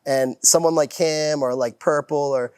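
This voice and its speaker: A man's voice: a little high, fairly even intonation, unhurried, darkish tone, smooth, no room sound, studio quality. Rambling, profane man in casual chat. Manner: rambling, profane, many restarts. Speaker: nightlife hospitality guest.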